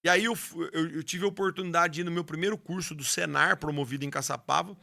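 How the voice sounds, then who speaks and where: A man's voice: a little high, fairly even intonation, quick pace, gravelly, bright, forceful tone. A man, a rodeo announcer and horse trainer telling his story with passion in an interview, often restarting his words. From Brazil. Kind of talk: interview conversation.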